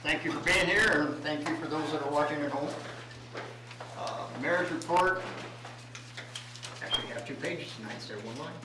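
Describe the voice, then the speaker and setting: An American man speaking as a mayor, giving a plainly spoken report at a formal meeting in a halting way, sometimes repeating words. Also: on the high side. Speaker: mayor chairing a city council meeting. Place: indoor city meeting room. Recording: echoey room, distant mic, faint hum.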